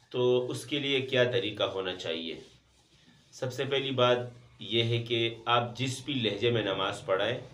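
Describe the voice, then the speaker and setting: A man teaches Quran recitation in a calm, methodical way, moving between plain explanation and long, slow melodic chanting of verses. His voice is bright and forceful. The recording has a roomy, echoing sound. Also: mid-range voice. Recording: roomy echo.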